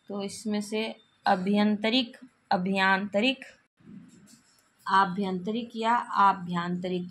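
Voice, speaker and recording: A woman teaching Hindi grammar, reading out exam spelling questions and explaining the correct forms, often repeating them with the odd cough. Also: mid-range voice.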